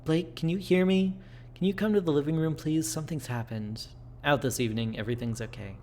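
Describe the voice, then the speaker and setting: A man voicing a tired, stubborn, ailing mother in a game, gentle and halting. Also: on the high side, fairly even intonation, slight background noise, voice pushed up, close to an everyday voice. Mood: reassuring.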